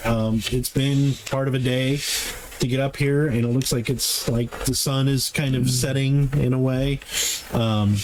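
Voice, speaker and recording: A man improvising tabletop game narration as game master in a casual, halting way. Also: medium pitch, steady tone. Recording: noisy room with clicks.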